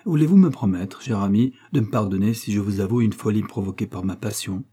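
A man's voice: on the low side, brisk, warm tone, husky. A man playing a gushing, scheming fortune hunter. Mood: flattering. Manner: gushing and wheedling. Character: scheming, flattering middle-aged fortune hunter.

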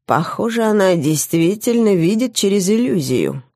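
A woman voicing a sly, scheming middle-aged male academy director in an audiobook, speaking in a smug, drawn-out, biting way. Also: mid-range voice, big pitch swings, mellow, no echo, studio quality, voice pushed up. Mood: commanding. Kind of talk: audiobook character voice.

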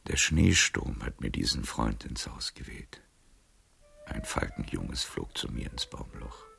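In a poetic radio drama, an actor plays a frail, weary old nobleman, tender and melancholy, in a breathy, gravelly voice. His delivery is slow, hushed and solemn, with extremely low pitch, big pitch swings and heavy acting. The speaker is older.

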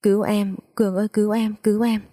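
A hysterical, jealous young woman, as a female storyteller puts her on, shrieking and cursing. The voice is low and mellow at heart but pushed up high in anger. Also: brisk, breathy edge, no echo, studio quality. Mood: panicked.

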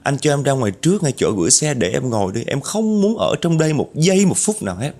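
A man's voice: medium pitch, sing-song, fast, darkish tone, voice pushed up. A man voicing a terrified young woman who begs to leave, panicked and pleading.

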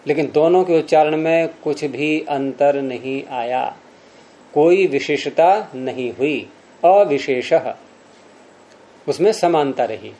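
A mellow, fairly high-pitched man leads a class through a grammar text. He reads lines aloud, then breaks them down slowly and puts questions to his students. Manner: patient, questioning students, slows to spell out examples. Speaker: Sanskrit grammar teacher.

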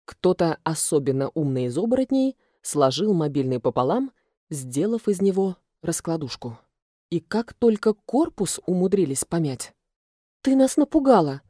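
A woman narrating a first-person fantasy audiobook in a calm storytelling manner on a close mic. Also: sits low, moderate pace, no echo.

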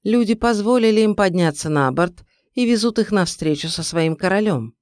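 A woman reading a calm, grave young king. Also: medium pitch, dry recording, clean studio sound, close to an everyday voice. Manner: measured, reassuring, grim. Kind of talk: audiobook character reading.

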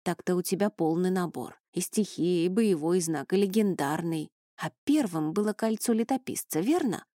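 A woman narrator voicing a cool-headed, inquisitive male professor, speaking calmly and thoughtfully. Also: on the low side, moderate pace, few pauses, no echo, clean studio sound, lightly acted. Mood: musing. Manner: calm, inquisitive.

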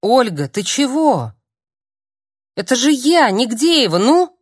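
A woman's voice: mid-range voice, expressive, a little fast, mellow, natural voice. A woman voicing a bewildered young woman. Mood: pleading. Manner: thin, startled voice.

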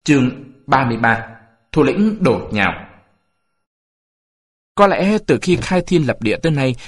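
A man narrating a story aloud in an expressive reading style. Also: medium pitch, husky, no echo, studio quality. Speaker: audiobook narrator.

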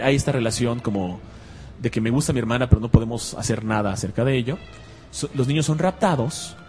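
A man's voice: mid-range voice, a little mellow. A chatty Mexican man hosting an online radio show about comics. He jokes and laughs easily as he talks, and faint music plays behind him. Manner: chatty, jokey, laughs often. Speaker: radio host.

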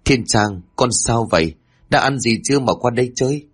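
A man voicing a kind older neighbor woman who speaks gently and pleads for a child. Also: medium pitch, lively intonation, moderate pace, husky. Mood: soothing. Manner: soothing, pleading.

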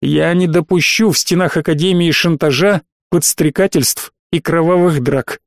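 An authoritative academy rector, read by a male narrator, formal and lecturing in tone. His voice sits a little high and the recording is dry. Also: moderate pace, dry recording, lightly acted.

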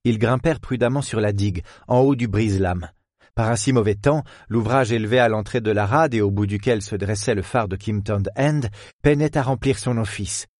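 A man narrates a novel in a measured, literary way. His voice sits on the low side. The recording is dry, with no room sound. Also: a little mellow, no echo. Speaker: audiobook narrator.

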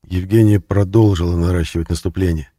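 A man narrating a novel in a steady, measured reading voice. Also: low-pitched, dry recording, studio quality. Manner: steady, measured reading, rises to loud acted shouts. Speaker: audiobook narrator. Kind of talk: scripted narration.

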